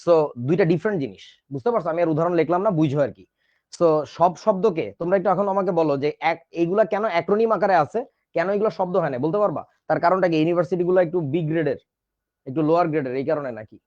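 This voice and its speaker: A man's voice: a little high, racing, darkish tone, lo-fi sound. A man with a Bangladeshi Bengali accent teaching a casual online chemistry class, chatty and teasing, playfully scolding his students.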